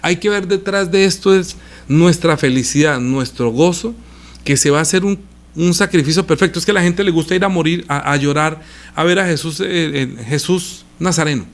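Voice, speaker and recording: A man preaching a conversational Bible lesson, animated and asking the congregation rhetorical questions. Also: fairly high pitch, normal speed.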